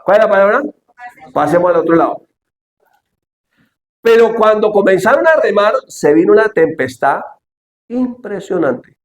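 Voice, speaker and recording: A man's voice: high voice, reverberant. A man preaching a sermon, asking the congregation questions and acting out quoted speech with dramatic voices.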